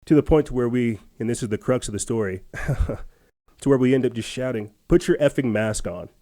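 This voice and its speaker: A man's voice: mid-range voice, moderate pace, warm tone. A man hosting a podcast, telling a casual story in a rambling, chatty way with lots of fillers and restarts. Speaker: podcast host.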